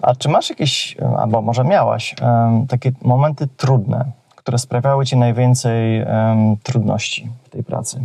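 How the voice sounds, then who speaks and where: Soft-toned male interview host. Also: medium pitch, steady tone, measured pace, gravelly, hardly any pauses, no room sound. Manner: brief backchannels, hesitant questions with fillers. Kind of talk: interview questions.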